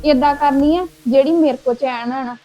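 A woman's voice: sits high, fairly even intonation, normal speed, dull audio, natural voice. A woman playing an assertive young Punjabi daughter-in-law in a family drama, arguing reproachfully. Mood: scheming, worried. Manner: argumentative, reproachful. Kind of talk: amateur family drama acting.

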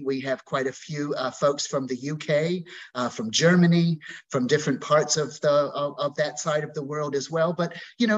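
A Bermudian real estate agent in his forties appears as a guest on a video call interview from an indoor room at home, talking through his webcam. He is upbeat and effusive, uses many fillers, and has a slightly high voice that comes through dull.

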